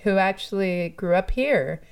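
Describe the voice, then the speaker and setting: Laughing frequently, a female musician from Toronto chats thoughtfully as a guest in an informal interview. Her mid-range voice is animated, gravelly yet smooth, and she speaks a little slowly.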